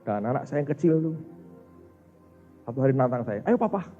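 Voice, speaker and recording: A man, a pastor preaching a sermon, speaking directly to his congregation in an animated way. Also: medium pitch, a little fast. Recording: muffled recording with faint music.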